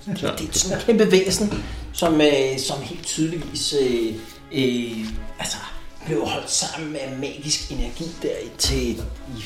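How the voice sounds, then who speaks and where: A man narrating a tabletop game as game master, pausing often to search for words. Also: mid-range voice. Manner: hesitant, searching for words while describing. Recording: roomy, distant mic, loud music behind.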